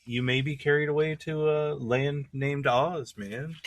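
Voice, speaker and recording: A man's voice: fairly high pitch, unhurried. A man co-hosting a podcast, reacting in a laid-back way and laughing easily in casual chat. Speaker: podcast co-host.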